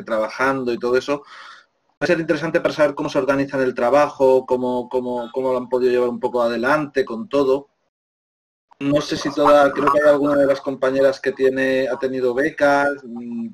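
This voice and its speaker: A man's voice: mid-range voice, poor audio. A man moderating a panel on a video call, speaking hesitantly and repeating words.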